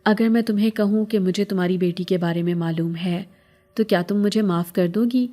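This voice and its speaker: A woman playing a calm, secretive veiled woman. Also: medium pitch, soft background music, close to an everyday voice. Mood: soothing. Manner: soothing, reassuring.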